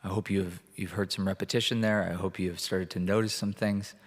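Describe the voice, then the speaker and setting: A man preaching as a pastor and reading scripture aloud, earnest and deliberate, with pauses between phrases. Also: deep voice, steady tone. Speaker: pastor leading a church prayer meeting. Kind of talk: sermon with Bible reading. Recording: reverberant hall, long echo.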